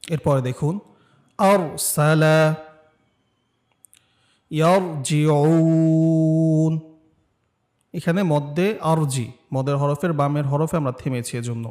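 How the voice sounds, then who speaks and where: A male recitation teacher with a Bangladeshi Bengali accent and a somewhat high voice. He lays out each rule patiently, then draws the example words out slowly for his students to echo back. The delivery is an unhurried, step-by-step lesson. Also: steady tone.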